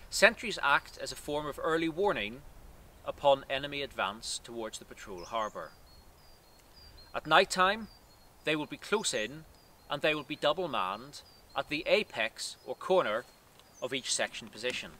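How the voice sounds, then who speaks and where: A man in his thirties, a cadet force instructor, gives a scripted military lesson outdoors in woodland, speaking in a measured, precise way, recorded by a camera some distance away. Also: mid-range voice, pushed and bright, a little hiss or hum.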